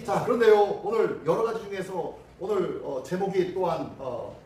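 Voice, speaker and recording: A man's voice: sits high, moderate pace. A middle-aged male pastor preaching a sermon, telling stories and acting out the dialogue. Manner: animated storytelling, acting out dialogue. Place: church sanctuary. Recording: distant mic in echoey church hall.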